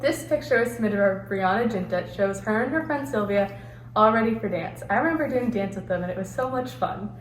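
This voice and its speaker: A woman's voice: medium pitch, a little fast. A teenage girl co-hosting a student news segment, cheerfully reading scripted captions. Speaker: segment co-host. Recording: echoey room, distant mic, faint noise.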